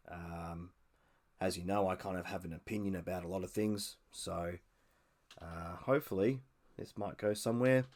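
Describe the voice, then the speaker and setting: Australian man, young adult, deep nasal voice, hesitant casual podcast host, lots of ums. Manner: hesitant, many ums and restarts. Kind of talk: casual solo podcast commentary.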